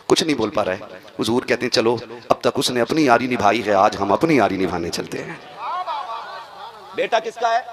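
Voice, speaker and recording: A male preacher telling an emotional story in a sermon, dropping to a hushed, tearful voice and then rising to impassioned cries. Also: medium pitch. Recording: live gathering with audible crowd.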